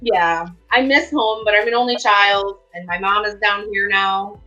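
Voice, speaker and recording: A woman's voice: mid-range voice, moderate pace, bright, forceful tone, lo-fi sound, soft background music. A woman from upstate New York hosting a casual livestream chat, talking in a rambling, storytelling way. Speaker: livestream host.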